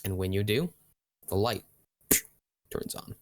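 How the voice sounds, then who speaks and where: Low-voiced man running a tabletop game. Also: dry recording, clean studio sound. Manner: casual, halting delivery. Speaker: game master. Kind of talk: narrating a tabletop role-playing game.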